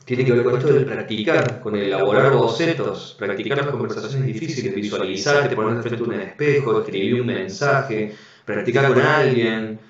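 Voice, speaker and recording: A man's voice: medium pitch, normal speed. Man teaching in a very echoey room. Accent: Rioplatense Spanish. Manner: calm explanatory, frequent tag questions. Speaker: instructor. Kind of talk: online class lecture. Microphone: video call. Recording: very echoey, dull lo-fi audio.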